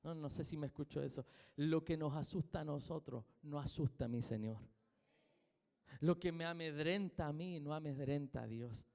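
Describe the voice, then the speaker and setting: A man's voice: fairly high pitch, normal speed, creaky, a little mellow. A man with a Chilean accent preaching a sermon in church, emphatic and repeating his points with questions to the congregation. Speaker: pastor. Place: church sanctuary. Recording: long reverb of a church hall.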